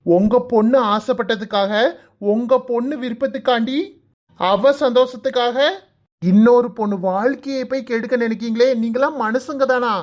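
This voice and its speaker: A woman's voice: on the high side, normal speed, darkish tone, lightly acted. A woman voicing a wronged, reproachful young village woman in a cartoon, with a southern Tamil Nadu accent.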